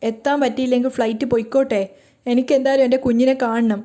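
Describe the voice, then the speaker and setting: A woman's voice: on the high side, flat delivery, fast talker, mellow, natural voice. A woman voicing a stubborn, tearful young wife. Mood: pleading.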